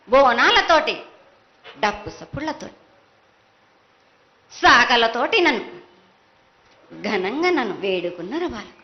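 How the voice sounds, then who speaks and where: A woman speaking as a mother goddess in a prophetic trance at a festival ritual, chanting insistent, repeated phrases in reproach and demand. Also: on the high side. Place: live temple festival ritual. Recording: dull lo-fi live broadcast sound.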